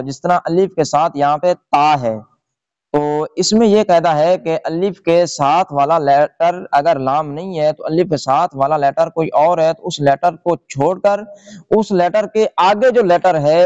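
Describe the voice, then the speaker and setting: A man's voice: fairly high pitch, a little mellow, no echo. A man teaching Quran reading in a tutorial lesson, patiently explaining rules step by step and checking in with his listeners. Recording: dry, slightly dull lo-fi recording.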